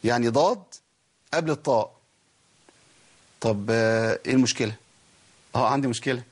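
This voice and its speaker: A man with an Egyptian Arabic accent gives a tajweed lesson, teaching Quran recitation by explaining each rule and answering questions he poses himself. His mid-range voice has a breathy edge, and he talks fairly quickly.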